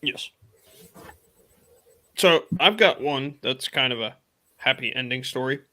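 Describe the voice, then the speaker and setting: A man hosting a live stream, casually telling a story from his work as a heating and air technician and acting out the dialogue with lively energy. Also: slow pace. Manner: animated retelling, acts out quoted dialogue in a higher, excited voice. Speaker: podcast host.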